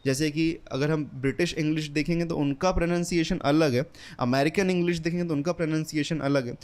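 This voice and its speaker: A young man, giving an earnest, casual English lesson and repeating his points, with English words mixed into his speech. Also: on the high side. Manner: earnest, repetitive, mixes English words into Hindi. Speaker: English teacher. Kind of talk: casual spoken lesson, book recommendation.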